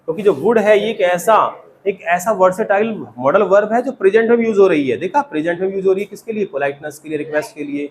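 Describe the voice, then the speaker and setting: High-voiced teacher quizzing a class. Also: male voice, quick pace, slight background noise, low-quality recording. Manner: quizzing students with repeated questions. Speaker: spoken English teacher. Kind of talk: classroom grammar lesson.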